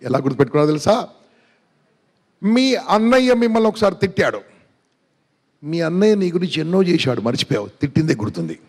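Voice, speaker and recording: A middle-aged man giving a motivational seminar talk, energetic, quizzing the audience and mixing in English phrases. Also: fairly high pitch, fast talker, pauses often. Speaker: motivational speaker.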